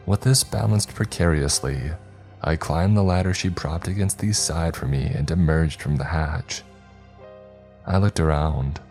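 A man narrating a first-person horror story in a measured, tense way. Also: very deep voice, darkish tone.

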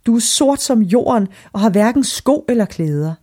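A woman's voice: on the high side, lively intonation, mellow, pitched above the performer's own voice. A woman voicing a cold, scornful middle-aged stepmother who talks down with sneering dismissal.

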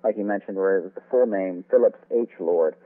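A man with a low-pitched, fairly quick voice is interviewed as the author of a book on old-time radio, walking through radio history conversationally. The sound is narrow and tinny, like a phone line.

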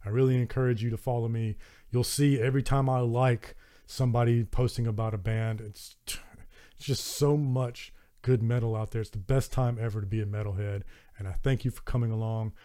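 An earnest man with a Southern American accent hosts a solo podcast, talking casually into a close microphone. His voice is mellow and dark, with an average pitch. He sounds enthusiastic and often restarts his sentences. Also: steady tone, brisk. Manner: earnest and enthusiastic, with warm thanks and frequent restarts. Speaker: podcast host.

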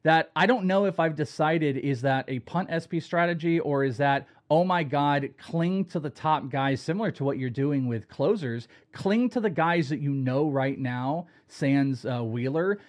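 A man with a slightly high voice chatting casually on a podcast. He rambles and gets animated, with plenty of fillers. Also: moderate pace, hardly any pauses. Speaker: fantasy baseball analyst.

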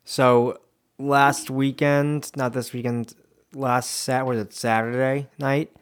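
A man in casual chat, speaking haltingly with small restarts. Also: mid-range voice, flat delivery, clean tone.

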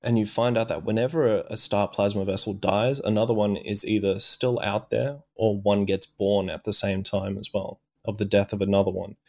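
Male podcast co-host, slightly low voice, loose and profane storyteller. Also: steady tone, moderate pace, few pauses. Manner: swears freely, loose storytelling with many fillers. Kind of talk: casual chat, retelling an anime plot.

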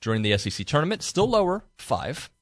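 A man's voice: fairly high pitch, very animated, fast, dry recording. A man hosting a casual sports talk radio show from a studio, reading stats and sponsor spots in a playful way. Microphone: studio mic.

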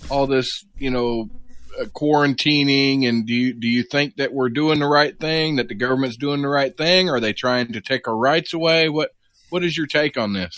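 Relaxed male co-host, dry sound. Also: mid-range voice, moderate pace, dry recording. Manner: relaxed, hesitant, many fillers. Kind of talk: casual podcast chat.

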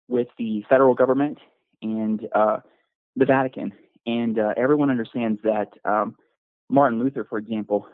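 Male caller, winded from running, halting delivery, phone-line sound. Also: medium pitch, dry recording. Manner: halting, many fillers and restarts. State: out of breath after a run.

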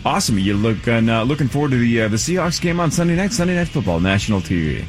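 A man's voice: mid-range voice, animated, fast, faint music behind. A man co-hosting a comedy radio show, playfully mock-interviewing guests. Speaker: radio co-host. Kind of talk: comedic studio banter.

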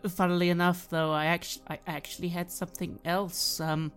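A woman playing an anxious patient in a tabletop game, talking in a halting, stammering way. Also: fairly low pitch, flat delivery, faint music behind. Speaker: player. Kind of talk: in-character role-play as an anxious patient.

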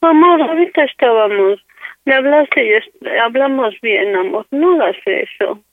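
A high-voiced woman pleads tearfully over the phone. Her voice comes through a thin, tinny phone line. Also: expressive, normal speed, no room sound. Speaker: prank call target.

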